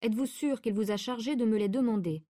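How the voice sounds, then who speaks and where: A woman reading aloud, voicing a skeptical man who questions his cousin in a low, brusque way. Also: fast talker, mellow, natural voice. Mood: probing. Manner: probing, brusque.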